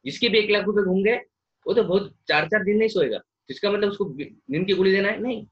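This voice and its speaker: A man's voice: high voice, quick pace, muffled recording. Emphatic male lecturer. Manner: emphatic, mixes English phrases into speech, acts out patients. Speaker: homeopathy lecturer. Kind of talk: classroom lecture.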